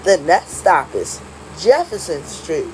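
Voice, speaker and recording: Lady doing train stop announcements, even and flat, little engine hum in the back. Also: on the low side. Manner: flat, measured announcer delivery. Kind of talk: recorded station announcements.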